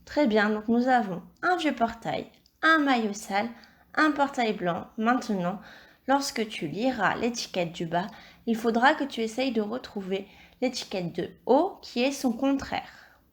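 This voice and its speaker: A woman teacher giving a recorded reading and dictation lesson to young children, speaking slowly and clearly and encouraging the child directly. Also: on the high side. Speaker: primary school teacher.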